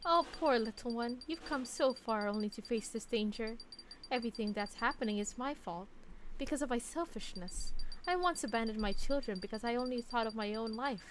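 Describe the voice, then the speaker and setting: A woman voicing a gentle, sorrowful elderly grandmother, speaking in a soft, hushed, lowered voice. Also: a little fast, a little hiss or hum, natural voice. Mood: remorseful.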